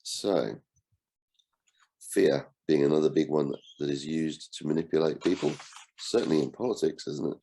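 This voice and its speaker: A man with a cold and a croaky voice, hosting an online book discussion in a relaxed way and asking his group questions. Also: rumbling low, moderate pace, slight background noise. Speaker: book club host and coach.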